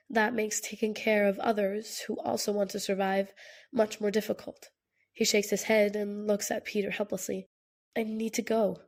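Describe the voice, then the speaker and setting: Woman audiobook narrator, gravelly, flat, steady reading. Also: medium pitch. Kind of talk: reading fan fiction aloud.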